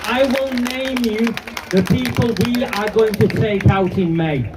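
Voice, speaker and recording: A man's voice: high voice, steady tone, a little slow, a loud crowd. Angry fifty-year-old man addressing a rally. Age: 50s. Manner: angry, defiant and declamatory. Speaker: rally speaker. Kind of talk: outdoor protest speech. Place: outdoors at a street demonstration. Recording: distant, muffled live-stream audio with loud noise.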